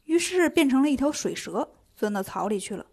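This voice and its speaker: A woman's voice: high voice, very animated, brisk, a little mellow. A woman telling a story in a chatty, colloquial way. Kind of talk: lively storybook narration.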